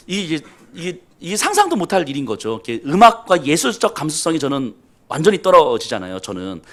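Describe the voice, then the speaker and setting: Animated Korean pastor preaching. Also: male voice, mid-range voice. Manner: animated storytelling with self-deprecating humor. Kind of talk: sermon.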